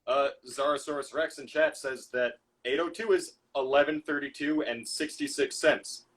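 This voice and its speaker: Husky man joking on a podcast. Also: on the high side, moderate pace, fairly bright tone. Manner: dry, joking, reads the chat aloud. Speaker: podcast co-host. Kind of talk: casual chat.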